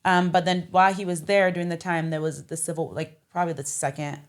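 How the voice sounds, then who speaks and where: A woman's voice: on the low side, level tone, fast talker. A young woman from Liberia, a podcast guest, telling her childhood story in a casual interview with many fillers.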